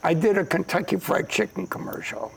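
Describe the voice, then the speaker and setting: Middle-aged male guest with a high, rough, gravelly voice. Animated, jokey storyteller. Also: a little fast, slight background noise, poor audio. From Detroit area, USA. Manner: animated, joking storyteller who acts out voices. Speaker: podcast guest. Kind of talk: casual storytelling chat.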